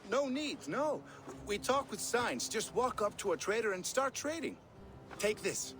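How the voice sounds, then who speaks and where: An easygoing Viking trade guide from a game, helpful and breezy in short sentences. His voice is high for a man and very animated in pitch. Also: unhurried, background noise. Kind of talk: dramatic video game acting.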